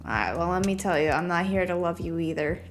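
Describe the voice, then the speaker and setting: A woman's voice: lowish voice, animated, quick pace, noisy background. A woman giving casual, playful game commentary, thinking aloud and talking back to the characters. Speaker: gamer playing through a story game.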